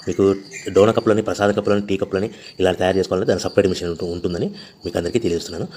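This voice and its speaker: A man's voice: low voice, steady tone, rapid-fire, darkish tone. A man with a Rayalaseema Telugu accent, demonstrating a machine he sells, in a repetitive announcing manner. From Andhra Pradesh, India. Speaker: machine seller demonstrating equipment. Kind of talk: product demonstration.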